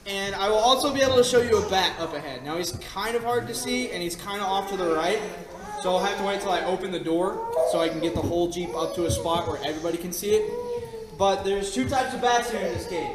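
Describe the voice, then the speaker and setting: A man's voice: sits high, quick pace, a crowd in the background. A man working as a cave tour guide, talking to his group in a jokey, informal way. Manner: jokey, informal, addresses group as "you guys". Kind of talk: guided tour patter, explaining and joking to a group. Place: inside a cave, on an open tour vehicle. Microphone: picked up from a distance by a passenger's recorder. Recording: echoey cave, distant, with people and vehicle noise.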